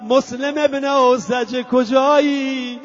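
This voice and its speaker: A man reciting a chanted mourning sermon at a religious gathering, moving between speech and a half-sung lament with drawn-out wails. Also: very high voice, little pitch movement. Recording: dull lo-fi recording.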